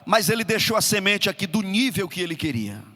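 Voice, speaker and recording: A middle-aged Brazilian man preaching a sermon as pastor, swinging between loud emphasis and soft asides. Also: sits high, sing-song, fairly quick. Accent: Brazilian Portuguese. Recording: reverberant hall.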